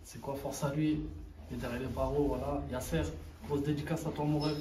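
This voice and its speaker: A young rapper in his twenties, raised in France and of Sri Lankan heritage, chats in street slang padded with filler tags. His mid-range voice stays level and runs a little fast. The casual street interview takes place outdoors in a neighborhood, captured from a distance with roomy sound and faint street noise.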